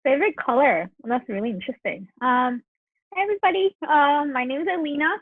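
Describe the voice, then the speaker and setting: Fast-talking and high-voiced, a Korean woman in her twenties with a Korean accent guests on a podcast for a casual chat. The recording is dry and tinny, like a phone line.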